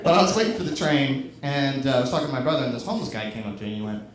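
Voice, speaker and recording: A man in his twenties performing a stand-up set in a comedy club, with a deadpan, self-mocking delivery that breaks into shouted bursts. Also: mid-range voice, rapid-fire, slight background noise. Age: 20s. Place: comedy club with a laughing audience. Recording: echoey club with crowd laughter.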